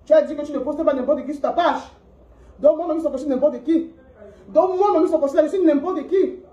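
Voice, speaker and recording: A woman's voice: high voice, mellow, muffled recording. A woman with a Cameroonian French accent, ranting on a live stream and mocking someone with repeated rhetorical questions. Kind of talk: scolding live-stream rant. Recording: roomy echo.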